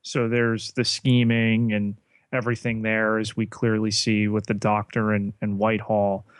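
A man co-hosting a podcast, talking in a measured way and putting questions to his co-host. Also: on the low side, monotone, clear, resonant tone, dry recording. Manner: measured, asks questions, many fillers. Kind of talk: casual podcast chat.

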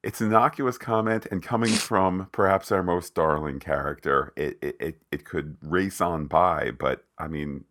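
A man's voice: low-pitched, normal speed, hardly any pauses, a bit bright. A man co-hosting a podcast, discussing a TV episode in casual chat with a wry, playfully mock-formal manner. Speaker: podcast co-host.

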